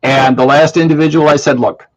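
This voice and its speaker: Over muffled, lo-fi audio, a man in his seventies hosts an online question session as a casual monologue to his audience. His voice is on the high side, steady and brisk, and he speaks bluntly and dismissively, often repeating himself.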